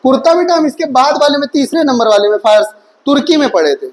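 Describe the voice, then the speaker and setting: A man's voice: very high voice, lively intonation, fast talker, low-quality recording. A man teaching an online exam-prep Hindi class, listing words and quizzing his students with rhetorical questions, calling them his children. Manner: addresses students fondly as children.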